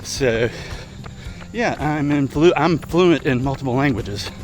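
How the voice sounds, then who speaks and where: A middle-aged man chatting casually and ramblingly to his vlog while running, in short broken phrases with pauses. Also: mid-range voice, faint music behind. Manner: talking while running, slightly effortful. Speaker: vlogger. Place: outdoors, on the move.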